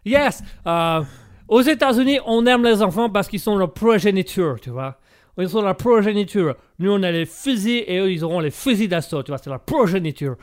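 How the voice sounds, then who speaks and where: A man's voice: high-pitched, lively intonation, normal speed. Brief: man playing a bragging American, English words mixed in, rambling. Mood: boastful. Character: boastful American man with mock accent.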